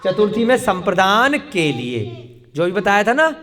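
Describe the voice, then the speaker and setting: A man's voice: high-pitched, big pitch swings, moderate pace, bright, forceful tone. A man teaching a classroom lesson, quizzing his students with repeated questions and answering them himself. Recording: long hall reverb.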